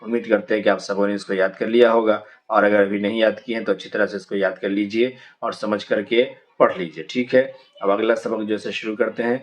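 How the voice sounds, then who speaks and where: A man's voice: fairly low pitch, level tone, low-quality recording. A man teaching young children to read the Quranic alphabet, patiently repeating each letter sound and drawing it out. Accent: Indian Urdu. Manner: slow drawn-out drilling of letter sounds.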